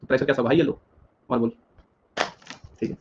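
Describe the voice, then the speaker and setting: A man's voice: medium pitch, fairly even intonation, a little mellow, lo-fi sound, a little hiss or hum. A young man teaching a live exam-prep geography class, firing questions at students and repeating each answer several times. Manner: drills questions, repeats answers rapidly, addresses students directly.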